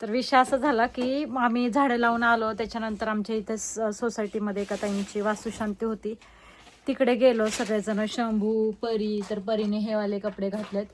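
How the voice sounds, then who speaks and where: A woman's voice: fairly high pitch, flat delivery, moderate pace, a little hiss or hum. A young woman, chatting casually in a family vlog and teasing the kids. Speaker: vlogger.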